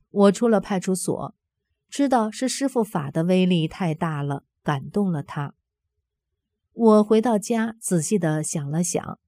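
Mellow-voiced woman reading a story. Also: on the low side, no echo, studio quality. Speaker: narrator reading a personal testimony. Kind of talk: first-person story reading.

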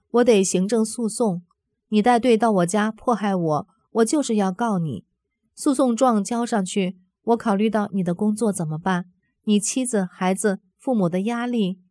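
A woman reading a first-person testimony aloud in an earnest, steady voice. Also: medium pitch, no room sound, clean studio sound.

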